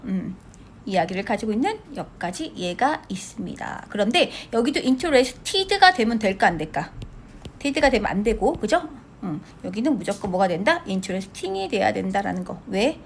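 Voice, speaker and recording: A woman with a fairly high voice gives a classroom grammar lecture. Her pitch jumps up and drops down a lot as she asks the class questions, answers them herself, and keeps checking that everyone agrees. A faint hiss sits behind her voice. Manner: lively, checks in with students by asking for agreement after nearly every phrase. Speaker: English teacher.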